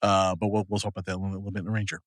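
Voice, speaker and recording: A man's voice: low voice, little pitch movement, very fast, dry recording. A man co-hosting a casual podcast chat, a bit tipsy and slurring slightly, rambling with many restarts and fillers. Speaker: podcast co-host.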